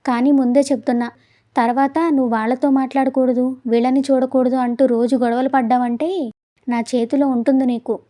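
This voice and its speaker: A grumpy young man in a love-story audio drama, read aloud by a woman narrator. He scolds in short, gruff bursts, yet the voice sits fairly high and warm. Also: flat delivery, brisk, natural voice. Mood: teasing. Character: irritable young man, stern yet softening.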